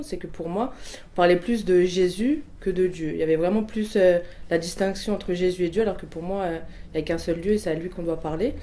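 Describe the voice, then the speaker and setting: With a warm, lowish voice, a twenty-something woman of Portuguese family background gives a personal testimony in response to questions. She hesitates often, using many fillers and starting sentences over.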